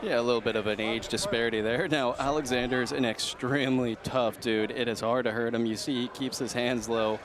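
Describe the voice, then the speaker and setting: A man's voice: medium pitch, steady tone, fairly quick, hardly any pauses, a crowd in the background. A man giving conversational live boxing analysis as a color commentator.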